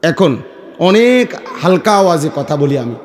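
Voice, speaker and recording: A middle-aged male Islamic preacher with a Comilla Bengali accent, giving a waz sermon in a light voice after throat surgery, shifting from soft storytelling to loud exhortation. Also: a little high, animated, moderate pace. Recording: echoey hall, long reverb.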